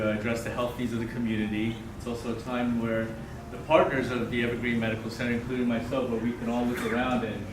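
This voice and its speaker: A man speaks to a live audience in a halting public welcome speech. His medium-pitched voice comes from some distance in an echoey venue, with heavy noise around it. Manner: halting, addressing a gathered crowd. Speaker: medical center partner giving opening speech.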